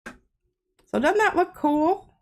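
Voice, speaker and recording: This craft show host has a very high, animated voice and speaks extremely slowly. She's giving a relaxed art demo from her home studio, talking while she works, chatty and self-deprecating, with a slightly stuffy nose.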